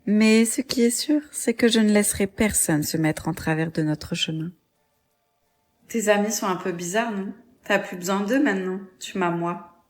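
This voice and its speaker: A woman voicing an obsessive young woman who calmly vows to keep a man for herself. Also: mid-range voice, normal speed, natural voice.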